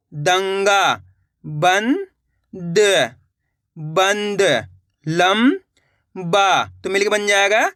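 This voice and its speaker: A man teaching Hindi reading online, sounding out syllables slowly and then explaining in a brisk, coaxing way, addressing viewers as friends. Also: high voice, sharp tone, studio quality. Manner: addresses viewers as friends, repeats words for them to echo.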